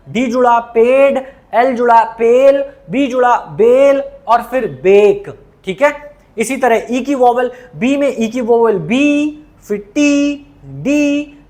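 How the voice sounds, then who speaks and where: A man teaches at an unhurried, deliberate pace. He repeats each sound and spelling several times and keeps asking his class to answer back. His tone stays patient and methodical throughout. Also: extremely high pitch. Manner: slow, repetitive drilling with frequent questions to students. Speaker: shorthand teacher. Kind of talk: classroom lesson.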